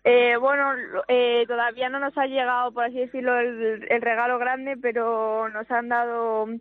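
A woman's voice: on the high side, level tone, moderate pace, no echo, phone-quality sound. A teenage girl from Spain, a footballer, talking hesitantly over the phone in a radio interview and laughing often. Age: teens. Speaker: youth footballer guest. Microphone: phone line.

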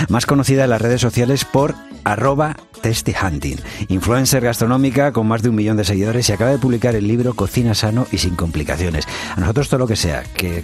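Brief: man co-hosting a radio food show, lowish voice, easy teasing talk, faint music under him. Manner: teasing, conversational. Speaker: radio co-host. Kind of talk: radio interview. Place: radio studio.

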